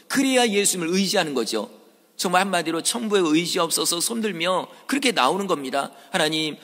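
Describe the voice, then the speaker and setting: A man preaching a Sunday sermon as pastor, dramatic, acting out quoted voices and swinging between soft and loud. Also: on the high side, in a large hall. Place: church sanctuary.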